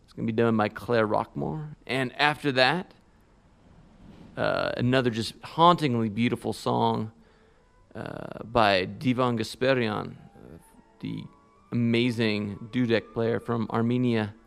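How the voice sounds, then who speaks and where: A man's voice: mid-range voice, measured pace, vocal fry, a bit bright. A man hosting a radio music show, introducing songs in an easygoing, rambling way with casual asides.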